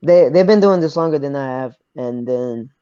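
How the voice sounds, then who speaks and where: A young man from Arkansas, a fighter answering interview questions quietly, pausing to search for words. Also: fairly high pitch, clear, resonant tone, dry recording, lo-fi sound. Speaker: MMA fighter, guest. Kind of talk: casual interview.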